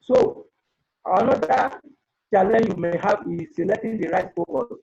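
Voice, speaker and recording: This data protection webinar panelist speaks earnestly at a measured pace, very animated, giving advice and repeating himself via an earphone mic on a video call whose audio breaks up. His voice sits high, a little mellow, with vocal fry and a breathy edge, in a muffled recording.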